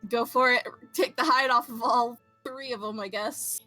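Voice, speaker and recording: A woman chats at a tabletop game session, quick and filler-heavy. Her voice sits fairly high and sounds bright. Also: fairly even intonation, faint music behind. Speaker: player. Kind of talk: casual game-table chat.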